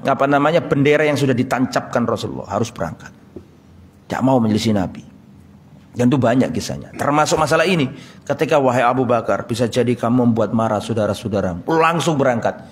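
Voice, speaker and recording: A man's voice: mid-range voice, fairly quick. A male preacher giving a mosque study sermon, reading Arabic phrases and explaining them in with a slight touch, often asking the audience questions. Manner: storytelling, reads Arabic then explains in Indonesian, asks the audience questions. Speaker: Islamic preacher.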